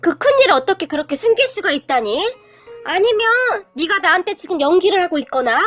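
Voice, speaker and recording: Woman putting on a shrill, snobbish rich mother. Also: expressive, moderate pace, faint music behind. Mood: shrill scolding. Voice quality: sneering, scornful. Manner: yelling, contemptuous.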